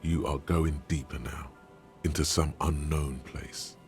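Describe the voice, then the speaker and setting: A man voicing a grave, brooding game narrator, delivering slow, dramatic, somber narration. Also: very deep voice, steady tone, faint music behind.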